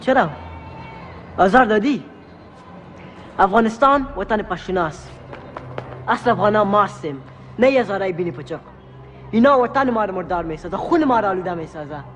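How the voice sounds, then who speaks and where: An actor with an Afghan accent playing an arrogant, menacing young bully who taunts in a sneering way. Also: male voice, sits high, animated, long pauses, a bit bright, long reverb tail, a little hiss or hum.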